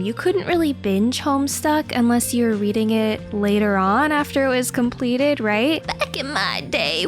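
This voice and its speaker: Woman, twenties, high-pitched, cute anime streamer manner, playful casual commentary, soft music behind. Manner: giggly, casually sweary. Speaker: streamer reacting to animation news. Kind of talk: casual chatty reaction commentary.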